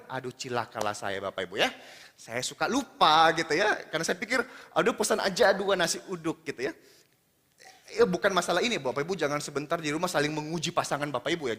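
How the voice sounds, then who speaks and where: An Indonesian man preaching a sermon in a lively, conversational way, speaking straight to his congregation. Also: on the high side. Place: church hall. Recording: long reverb of a church hall.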